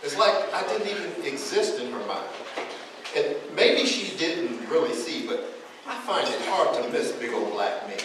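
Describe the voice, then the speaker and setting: A man performing a live spoken-word poem with a rhythmic, rhyming delivery and wry asides. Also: on the high side. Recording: echoey room, mic far off, faint noise.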